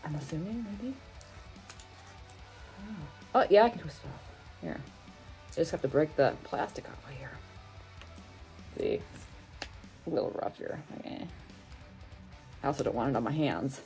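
A woman's voice: low-pitched, lively intonation, normal speed, vocal fry, long pauses, a little mellow, rough recording. Woman in her thirties, casual vlogger talk, wry and unpolished, home camera recording, faint music behind. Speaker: food challenge vlogger. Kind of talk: casual talk to camera during a spicy food challenge. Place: furnished room at home, indoors. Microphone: camera on the desk, about arm's length.

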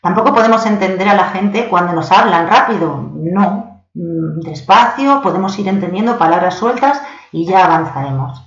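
Spanish woman, English teacher, patient online lesson, roomy echo, dull lo-fi sound. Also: fairly low pitch. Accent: Spanish from Spain. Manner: patient, slows down to read example sentences; checks in with learners often. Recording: echoey, dull lo-fi home recording.

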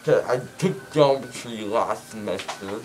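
A low-voiced teenage boy, fresh from having his wisdom teeth out. He rambles casually, groggy from anesthesia, with gauze muffling his numb mouth. Faint music plays behind him in a small clinic room. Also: normal speed. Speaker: patient just out of wisdom teeth surgery. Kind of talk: casual chat. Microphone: phone held close by someone else.

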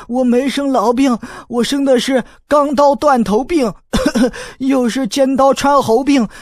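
A man's voice: extremely high pitch, fairly even intonation, slow pace, no room sound, studio quality, pitched above the performer's own voice. A sickly coughing young man. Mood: whimpering. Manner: feeble wailing with coughs.

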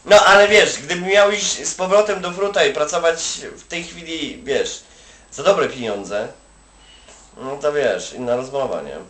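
A Polish migrant worker with a fairly high, animated and a bit bright voice advises an acquaintance in a casual, one-sided phone chat, speaking unhurriedly. He rambles colloquially, dropping little "you know" tags along the way. The recording is very echoey, with him some distance from the microphone.

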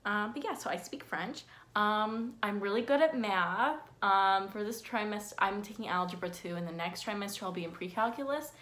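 A sixteen-year-old girl talks to her phone camera at close range in a bedroom with window blinds. Her medium-pitched, fairly bright voice moves at normal speed with few pauses as she rambles through facts about herself, full of fillers and self-deprecating asides.

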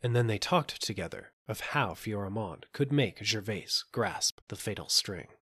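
A man reads a fairy tale aloud as an audiobook narrator. His low voice moves widely in pitch, giving the story an expressive lilt. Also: moderate pace, husky.

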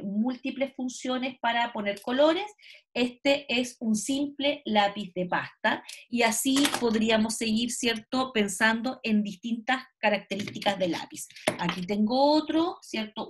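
Woman lecturer over a video call, explanatory, somewhat high-pitched. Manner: explanatory, often checks in with "¿cierto?" and "¿ya?". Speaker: teacher. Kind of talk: online lecture. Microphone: computer mic on a video call.

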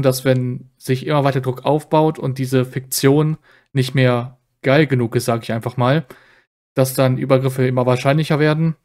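A man's voice: mid-range voice, darkish tone. Man, streamer, casual commentary, sarcastic, rambling. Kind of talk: commentary on clips.

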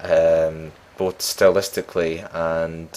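A man's voice: rumbling low, level tone, takes it slowly, a little mellow. A young man casually commenting on his gameplay as a let's play host, rambling and joking at his own expense. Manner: chatty, rambling, self-mocking.

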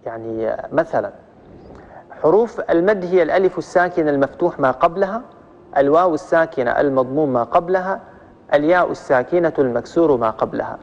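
A man with a Libyan accent teaching tajweed rules in a religious lesson, explaining step by step, repeating each rule and drawing out the example words slowly. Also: fairly high pitch, lively intonation, in a large hall, dull audio. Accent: Libyan Arabic. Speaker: Quran recitation teacher.

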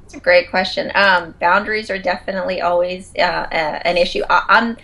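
A woman's voice: on the low side, fairly even intonation, brisk, creaky, sharp tone. A woman in her thirties, a consultant to photographers, talking in a chatty, effusive way with frequent restarts during a casual interview. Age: 30s.

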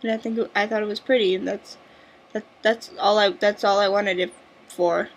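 A woman's voice: medium pitch, fairly even intonation, moderate pace, slightly rough. A young woman vlogger chatting casually and bubbly, with lots of filler words. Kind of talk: casual chat.

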